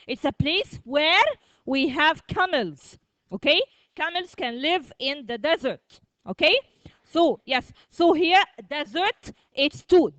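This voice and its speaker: A woman teaching a primary school vocabulary lesson, repeating words slowly, drilling the class and checking with "okay?" after each point. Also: high-pitched, fairly bright tone, dry recording.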